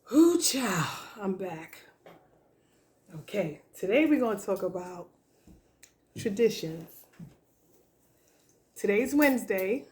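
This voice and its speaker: Woman about sixty, talks real slow and easy, eating and chatting, lots of ums. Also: medium pitch, a little mellow. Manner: slow, homey storytelling with fillers. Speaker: vlog host. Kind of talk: casual chat while eating.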